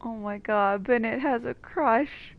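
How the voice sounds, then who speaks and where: A gaming video host gives casual let's-play commentary with playful, wry asides. Her voice is a little high and she takes it slowly. The lo-fi mic sounds slightly dull, with faint game music behind her.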